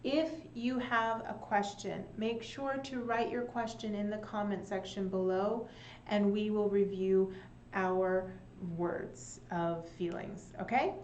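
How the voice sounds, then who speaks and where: Slow, patient woman teacher in an echoey room. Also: mid-range voice, steady tone, a little mellow. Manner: slow, patient explaining with examples. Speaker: English teacher. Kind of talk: live online lesson. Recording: echoey, dull room sound with faint noise.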